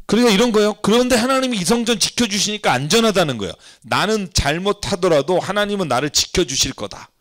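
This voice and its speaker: A man's voice: sits high, animated, fast talker, hardly any pauses, fairly bright tone. A male pastor teaching from the Bible in a sermon, often turning to the congregation with questions. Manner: engaging, asks the congregation questions.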